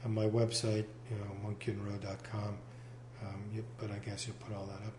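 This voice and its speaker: A male novelist chatting in an interview, meandering and correcting himself, recorded on a single mic in a giant high-ceilinged room with big hall echo. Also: completely flat delivery, moderate pace, background noise. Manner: meandering, self-correcting, many fillers. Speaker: novelist guest. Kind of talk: casual interview chat. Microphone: single shared mic in the room.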